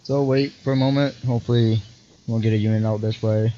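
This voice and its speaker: A man's voice: lowish voice, fairly even intonation, brisk, warm tone. A man giving casual, idle commentary as he plays through a police role-play stream. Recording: dull lo-fi mic, faint noise.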